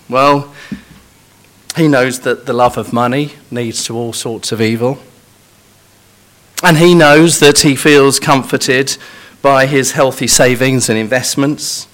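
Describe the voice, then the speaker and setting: A man's voice: medium pitch, fairly bright tone. A man preaching a sermon in an earnest, emphatic way, pressing hard on key points.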